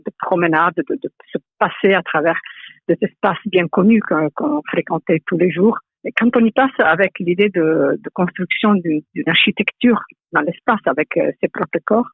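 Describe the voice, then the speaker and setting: A middle-aged woman from Italy, a native Italian speaker with an Italian accent, answering interview questions as an architecture professor, thoughtful and hesitant with many pauses and restarts. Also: fairly low pitch, husky, no echo. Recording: tinny phone-like line, dry.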